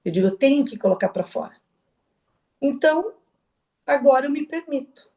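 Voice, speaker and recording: A middle-aged woman, soft-spoken and halting, giving personal testimony as an interview guest. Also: high-pitched, lively intonation. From southern Brazil. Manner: halting, soft-spoken, with restarts and quoted dialogue.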